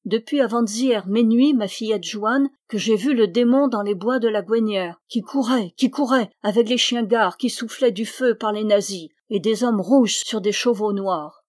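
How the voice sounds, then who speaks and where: A frightened young shepherd, read by a woman, feverish and anxious, rambling in plain country speech. The voice sits a little high and sounds close and dry. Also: normal speed, hardly any pauses, a little mellow, no room sound, natural voice.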